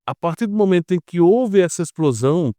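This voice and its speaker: Speaking fairly quickly, a Brazilian geopolitics commentator uses a high, expressive voice with a dark tone. There's no echo, just clean studio sound. His explanations in Brazilian Portuguese stay informal and conversational, peppered with rhetorical questions and brief tags checking in with the audience.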